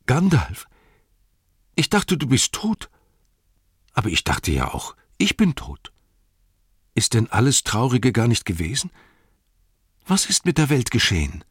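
A man reading an audiobook voices an excited young male hobbit servant who exclaims breathlessly. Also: mid-range voice, measured pace, long pauses, husky, no echo, studio quality, voice pushed up, exaggerated voice. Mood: amazed. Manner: breathless, exclaiming, bursting with joy.

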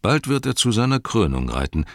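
A wise old wizard, voiced by a male audiobook reader, speaking low and unhurried in a soft, measured tone. His voice is very deep and gravelly, with a husky grain. The recording is close and dry. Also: dry recording. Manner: calm, measured, soft-spoken.

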